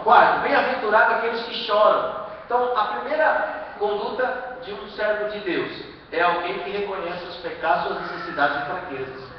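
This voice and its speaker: A man preaching a sermon as pastor, with a Brazilian Portuguese accent, emphatic, full of rhetorical questions and sudden loud bursts. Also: sits high, highs cut off, a little hiss or hum. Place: church hall. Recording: echoey live-stream from far off in a hall.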